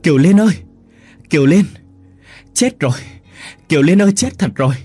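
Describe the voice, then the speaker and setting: A man voicing a panicked old woman neighbor who shouts frantic news, husky-voiced. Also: a little high, animated, normal speed, no echo, faint music behind, pitched above the performer's own voice.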